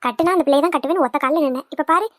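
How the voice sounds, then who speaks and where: A woman doing a sharp-tongued old mother-in-law. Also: sits high, rapid-fire, no room sound, clean studio sound. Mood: scornful. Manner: scolding, nagging, grumbling. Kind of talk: cartoon voice acting.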